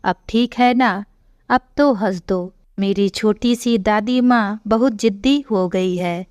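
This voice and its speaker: A woman's voice: mid-range voice, slow pace, darkish tone, smooth, no echo, natural voice. A woman voicing a kind young mother in a storybook tale, tender and soothing toward her child.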